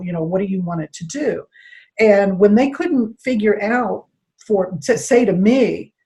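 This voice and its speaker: A woman with a soft-edged, mellow voice talks as a guest consultant on a panel. She explains her points in an emphatic, conversational way, repeating words to drive them home. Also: mid-range voice.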